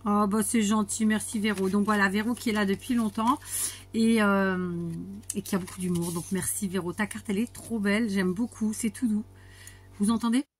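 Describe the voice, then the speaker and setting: A woman from France chats casually while opening parcels for her scrapbooking channel. She restarts her words often and breaks into small laughs as she goes. Her voice sits at a middle pitch. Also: fairly even intonation, moderate pace, husky. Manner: chatty, many restarts and little laughs. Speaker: scrapbooking YouTuber.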